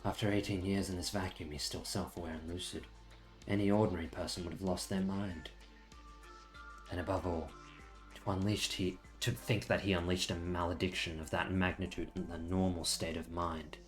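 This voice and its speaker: A man reading manga aloud and voicing a cool young killer in a lighter, breathy tone. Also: low-pitched, steady tone, normal speed, faint music behind, voice pushed down, close to an everyday voice.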